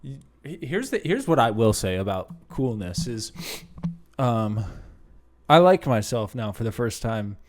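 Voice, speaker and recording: A man in his late twenties, speaking at a middle pitch, chats through viewers' questions in a loose, rambling way. He restarts sentences often and pokes fun at himself as he goes. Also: big pitch swings, measured pace, a little mellow. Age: late 20s. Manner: rambling, self-deprecating, conversational with restarts. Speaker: channel host. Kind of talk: casual Q and A vlog.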